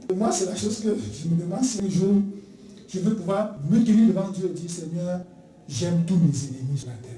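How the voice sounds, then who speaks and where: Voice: mid-range voice, normal speed, warm tone. Emphatic preacher, echoey and distant. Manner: emphatic, repeats key phrases, acts out dialogue. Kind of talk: sermon. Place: church sanctuary. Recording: echoey church recorded from afar.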